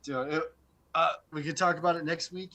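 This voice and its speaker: A man chatting as a podcast guest on a video call, talking in halting, stop-start phrases through an echoey, distant built-in laptop microphone. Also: a little high, fairly even intonation, sharp tone, dull audio. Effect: echoey, distant laptop microphone sound. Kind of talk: casual chat. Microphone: built-in laptop mic on a video call.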